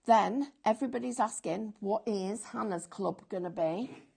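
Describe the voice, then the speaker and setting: A woman hosts a live craft shopping broadcast with chatty, enthusiastic sales patter. Her voice has a strong gravelly fry and a husky edge. She jokes easily with her co-presenter as she pitches to the audience. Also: moderate pace, a little mellow. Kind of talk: live shopping-show chat.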